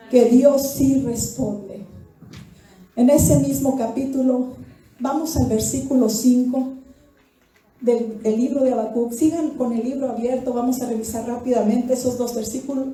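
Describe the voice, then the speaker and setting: A woman's voice: on the high side, dark tone. Fervent woman pastor preaching in echoey hall. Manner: preaching fervently, often rising to cries. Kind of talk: sermon. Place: church sanctuary. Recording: very echoey church hall, mic far off.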